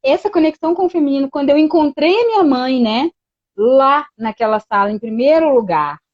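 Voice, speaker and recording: Woman guest, high voice, chatty storyteller, dull dry lo-fi sound. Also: animated, a little fast, no echo. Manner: storytelling with many quoted exchanges and frequent "né". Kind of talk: casual chat.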